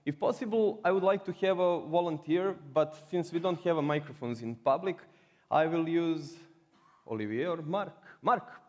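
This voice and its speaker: A man's voice: fairly high pitch, darkish tone. Serbian-accented man presenting in a hall. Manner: playful, joking, addresses the audience directly. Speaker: conference speaker. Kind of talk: humorous presentation. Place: conference hall. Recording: reverberant hall.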